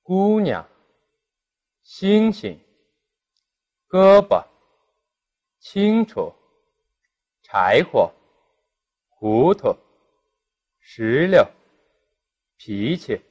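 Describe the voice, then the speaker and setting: Slow, lively-pitched man reading words. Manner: slow, deliberate word-by-word reading. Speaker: student.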